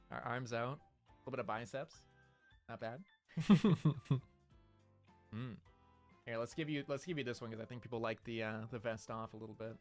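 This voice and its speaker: A man's voice: mid-range voice, very animated, a little slow, pauses often, a little mellow, soft background music. A man streaming live, chatting in a hyped, playful, rambling way about his model and schedule. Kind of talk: casual live-stream chat.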